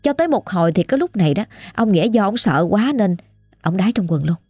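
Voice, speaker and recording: A woman's voice: mid-range voice, sing-song, quick pace, warm tone, slightly rough, no room sound, clean studio sound, soft background music. A woman with a Southern Vietnamese accent telling a ghost story in a chatty, colloquial, dramatic way. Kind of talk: casual storytelling.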